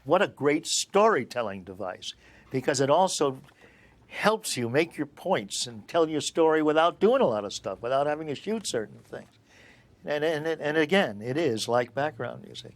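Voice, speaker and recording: Older man telling lively production stories. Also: fairly high pitch, normal speed. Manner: animated, acts out dialogue in his anecdotes. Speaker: film producer and director. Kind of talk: interview storytelling.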